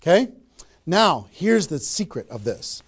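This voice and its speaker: A man giving an energetic motivational seminar talk on network marketing, firing rhetorical questions at a live audience. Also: fairly high pitch, measured pace, husky.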